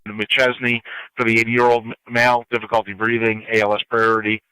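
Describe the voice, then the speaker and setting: A man's voice: mid-range voice, completely flat delivery, a little fast, pushed and bright, clear, resonant tone, no echo, rough recording. An American man working as a fire dispatcher, making urgent, clipped, procedural announcements over two-way radio. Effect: two-way radio transmission. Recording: fire scanner radio stream.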